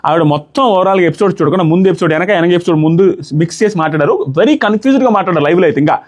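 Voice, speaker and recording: A man's voice: high voice, very fast. A man giving an argumentative, opinionated commentary on a reality show, mixing English words into his speech.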